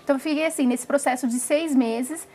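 A young woman with a Brazilian Portuguese accent speaks in a high, bright voice. She gives an earnest, emotional testimony in an interview, talking in a plain conversational way and often tagging her sentences with questions. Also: fairly quick. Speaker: former samba dancer giving testimony.

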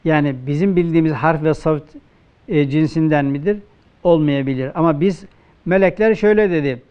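A man with a Turkish accent, a religious teacher giving a classroom grammar lecture, who poses questions and answers them himself, and slows down to quote texts. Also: fairly high pitch, clean tone, lo-fi sound. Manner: asks questions and answers them himself, slow emphatic quoting.

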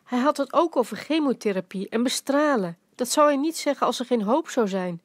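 A worried mother in a children's storybook, fretful and protesting, trying to reason with her old father, read by a woman. Slightly high, dry and close. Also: lively intonation, fairly quick, dry recording.

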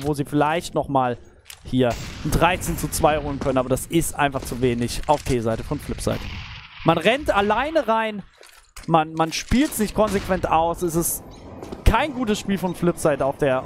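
High-voiced male esports caster. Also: slight background noise. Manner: esports caster delivery, analytical, exclaiming at big plays. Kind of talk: live esports commentary of a shooter match. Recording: game gunfire and clicks behind voice. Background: video game gunshots.

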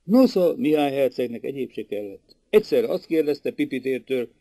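Lively male audiobook narrator. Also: mid-range voice, vocal fry, no room sound.

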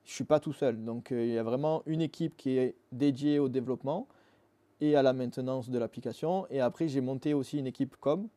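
In a dim motorcycle workshop studio, a thirtysomething app founder from Marseille, France, is interviewed on a lapel mic. He explains things step by step in a casual, earnest manner with lots of fillers, his voice medium-pitched, dark and a little fast.

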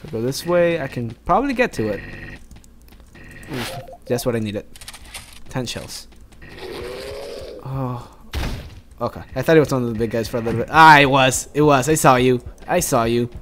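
A man's voice: medium pitch, expressive, moderate pace, long pauses, background noise. A young man from South America giving jokey, rambling let's play commentary while he plays. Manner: rambling, jokey, talks to himself.

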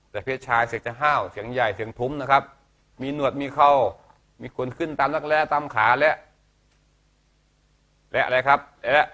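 A man's voice: mid-range voice, pushed and bright. A male teacher giving a health lesson to students, chatty and joking, often asking the class questions.

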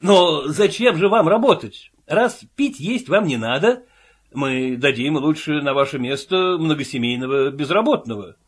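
A man's voice: fairly high pitch, expressive, moderate pace, breathy edge. A man doing an officious union chairman. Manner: officious, matter-of-fact. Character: bureaucratic male trade-union chairman.

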